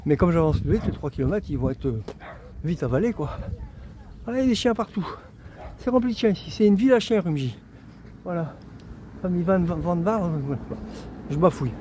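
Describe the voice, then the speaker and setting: A man's voice: high voice, animated, a little fast, long pauses, noisy background. A tired man vlogging as he walks outdoors, chatty and self-mocking, talking to his camera. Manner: chatty, rambling, talks to himself, self-mocking. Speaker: vlogger walking a pilgrimage route. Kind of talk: casual self-filmed walking vlog. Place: outdoors on a road and path. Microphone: handheld camera while walking.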